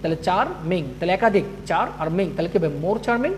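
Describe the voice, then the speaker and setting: A man's voice: high-pitched, expressive, a little fast, slight background noise. A man teaching an English grammar class, repeating each rule and often checking that students follow. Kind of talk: live online class.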